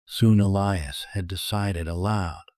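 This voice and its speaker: A man narrating a scripted horror story in a grave, measured manner. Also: sits low, steady tone, a little mellow, dry recording, clean studio sound.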